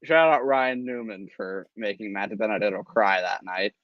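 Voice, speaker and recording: A man's voice: fairly low pitch, no echo, lo-fi sound. A man hosting a casual racing podcast chat, teasing his co-hosts and joking around. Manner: joking, quick to tease. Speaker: podcast host.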